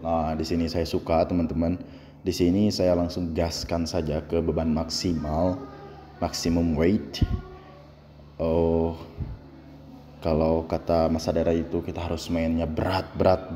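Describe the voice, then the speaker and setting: A young gym vlogger with a low, warm voice chats casually through a workout video, explaining the training step by step. He's filmed in a fluorescent-lit indoor gym by a camera on the floor across the room, so the hall sounds reverberant with a faint hum.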